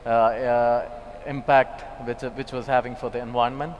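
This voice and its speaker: A man's voice: mid-range voice, little pitch movement, moderate pace, dull audio, a little hiss or hum. A man from Kerala speaking as a panelist at a panel discussion, hesitant with many fillers. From Kerala, India. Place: large expo hall. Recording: hall reverb, faint ambience.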